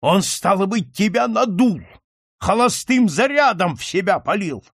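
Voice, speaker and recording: A man's voice: sits high, lively intonation, unhurried, no room sound, studio quality, voice pushed up, full character voice. Man doing a bellowing furious old count. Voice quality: gruff, shouting. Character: hot-tempered old nobleman father, bellowing.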